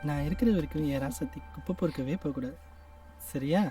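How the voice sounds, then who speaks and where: Brief: a smooth-talking young suitor, quick, mic distant. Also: male voice, sits high, expressive, warm tone. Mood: coaxing. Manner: coaxing, tender. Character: charming young male driver, courting. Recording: distant film audio with music.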